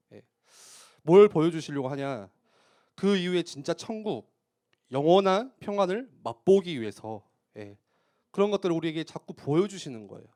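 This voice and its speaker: A man preaching a youth sermon in church, conversational, tossing out rhetorical questions and punctuating with quick affirmations. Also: on the high side, darkish tone. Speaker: youth pastor.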